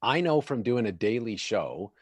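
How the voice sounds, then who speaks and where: Chatty, laughing man host with a low voice. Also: big pitch swings, normal speed, darkish tone, breathy edge, no room sound. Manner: laughs often, chatty, self-deprecating. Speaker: show host. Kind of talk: casual chat.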